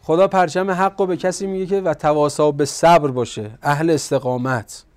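A man preaching a religious sermon, reciting Arabic verses and swinging between quiet reflection and loud, scolding exhortation. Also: a little high, clean tone.

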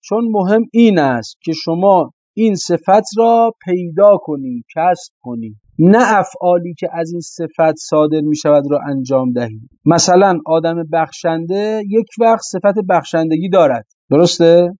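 A man's voice: a little high, dark tone, dry recording. A man giving a religious sermon, stressing points with rhetorical questions and repeated phrases. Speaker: preacher. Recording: slightly dull, dry lo-fi recording.

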